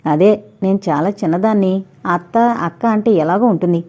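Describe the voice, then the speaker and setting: A woman's voice: mid-range voice, normal speed, mellow, natural voice. A woman voicing a boastful, quarrelsome middle-aged woman clerk who curses her juniors, in an audiobook. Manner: brash, cursing, boastful.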